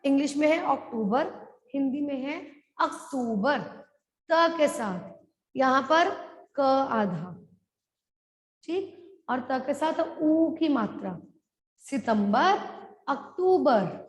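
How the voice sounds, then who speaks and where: A woman teacher dictates a class lesson and drags out each word so her students can follow. Her voice sits high. The recording has a roomy echo with a long reverb tail. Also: expressive. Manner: slow, drawn-out dictation of words; mixes English phrases into her speech. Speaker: primary school teacher. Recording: echoey room with long reverb.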